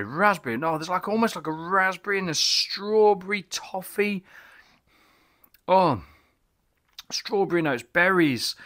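A man's voice: on the high side, fairly bright tone. A middle-aged man reviewing beer in his small home bar, talking enthusiastically and rambling, with many restarts and exclamations. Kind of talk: casual beer review vlog. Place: small home bar cabin with bottle shelves, indoors.

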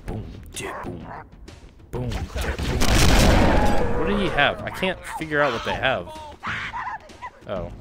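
Male game streamer, excitable and slangy, swinging pitch, with loud game music and gunfire behind him. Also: slow pace, long pauses. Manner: excitable, exclaims in alarm and amazement; casual slangy talk, says dude and bro. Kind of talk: casual gameplay commentary.

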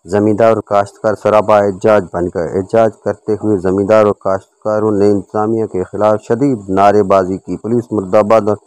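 A man's voice: on the low side, flat delivery, darkish tone, clear, resonant tone, dry recording. A male field reporter from Pakistan reading a formal news voice-over. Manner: formal, measured Urdu news delivery.

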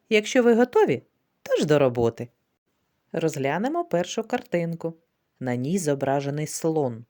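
Woman teacher talking to little kids, swoopy up-and-down voice, soft warm tone. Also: fairly low pitch. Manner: slow, patient, sing-song questions and praise. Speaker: kindergarten teacher. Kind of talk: online literacy lesson for preschoolers.

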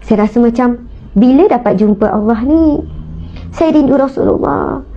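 A woman's voice: on the high side, moderate pace, lo-fi sound, a little hiss or hum, close to an everyday voice. A woman with a Malaysian Malay accent quoting a poor, devout, grateful young mother who speaks humbly and earnestly.

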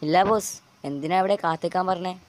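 A man's voice: high-pitched, fast talker, lightly acted. A young man voicing a desperate young worker who has just lost his job, in an amateur dub of a game short film. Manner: pleading, close to tears.

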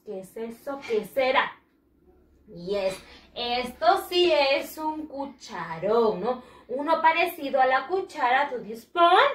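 Woman, children's teacher; high voice, unhurried drill delivery, roomy recording. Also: fairly bright tone, recorded from a distance. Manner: slow, drawn-out pronunciation drills. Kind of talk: bilingual vocabulary lesson for children. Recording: echoey room.

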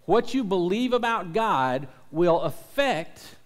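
A man with a high, very animated voice preaches to a youth group. He keeps it casual and chatty, poking fun at himself and joking with the crowd before turning to his point. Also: slow pace. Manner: chatty and self-deprecating, joking with the audience. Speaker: youth pastor.

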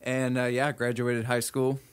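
A man's voice: mid-range voice, little pitch movement, a little slow, clear, resonant tone. A young man from Kentucky, a musician guest in a casual podcast chat, easygoing and self-deprecating. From Kentucky, USA.

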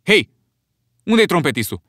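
A man's voice: sits high, big pitch swings, a bit bright, dry recording, studio quality, pitched above the performer's own voice, full character voice. A man reading an audiobook, voicing a tall, bony, red-haired boy commander who speaks brusquely. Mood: bossy.

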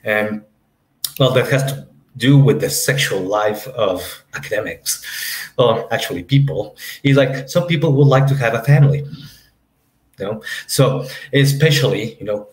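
A Mexican man in his 30s, a native Spanish speaker, moderates an academic panel discussion in English from a home room on a video call. He speaks at normal speed and mid pitch, rambling and meandering with lots of fillers, leaning on "you know." The webcam audio is roomy and echoey.

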